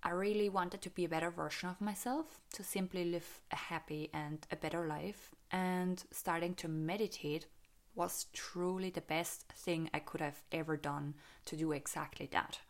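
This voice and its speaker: A woman's voice: lowish voice, fairly even intonation, normal speed. A woman telling a personal story in a casual, reflective way, often laughing and asking "right?". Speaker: meditation vlogger sharing her experience.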